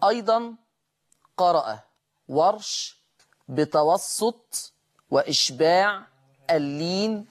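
A man with an Egyptian Arabic accent who hosts a Quran recitation lesson, opening with slow chanted verse and then explaining recitation rules in brisk talk. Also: a little high.

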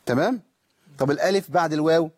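A man with an Egyptian accent hosting a live call-in Quran recitation lesson, stretching and repeating words slowly to show how they are pronounced. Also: fairly high pitch, a little mellow. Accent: Egyptian Arabic.

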